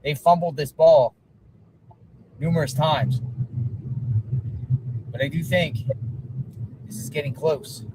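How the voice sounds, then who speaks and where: A man chats casually to a livestream while riding in a car. He rambles and circles back to repeat himself. It sounds like dashcam audio, with clear vehicle noise around the voice. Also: fairly high pitch, slow, long pauses. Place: inside a moving car.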